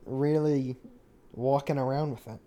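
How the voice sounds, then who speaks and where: A man's voice: mid-range voice, fairly even intonation, unhurried, dark tone. A young American man in casual, slangy banter with friends, peppering his talk with bro. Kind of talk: casual chat.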